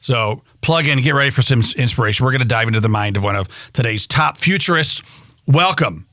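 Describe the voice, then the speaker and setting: A man's voice: mid-range voice, lively intonation, a little fast, sharp tone, dry recording. A man hosting a show in a studio, introducing his guest in an upbeat way with stumbles and repeated words. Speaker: host.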